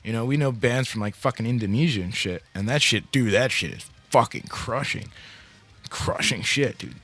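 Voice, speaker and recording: A man's voice: mid-range voice, expressive, normal speed, a bit bright, breathy edge. A man hosting a radio show in casual chat, talking in a heavily profane, slangy music-fan way.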